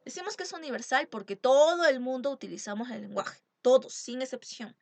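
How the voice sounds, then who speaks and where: A woman's voice: high voice, lively intonation, brisk, darkish tone, no echo. A woman teacher giving an exam-prep lecture, stressing key terms and asking rhetorical questions. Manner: emphatic, asks rhetorical questions.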